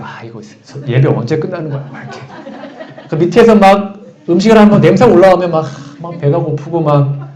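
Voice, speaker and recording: A man's voice: sits high, darkish tone. A man preaching a sermon as pastor, talking animatedly and asking the congregation questions. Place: church sanctuary. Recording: echoey church room, dull lo-fi sound.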